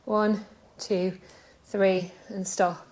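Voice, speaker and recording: A woman's voice: medium pitch, little pitch movement, extremely slow, darkish tone, poor audio. Breathless woman coaching a workout. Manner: chatty and self-deprecating while exercising. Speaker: fitness coach. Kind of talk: workout instruction. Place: outdoors.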